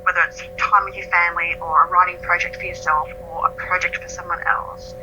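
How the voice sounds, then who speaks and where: A writer in her late thirties, appearing as a guest in a conversational interview, speaks thoughtfully and reflectively and laughs easily. Her voice is fairly low with little pitch movement and a fairly quick pace, against a noisy background.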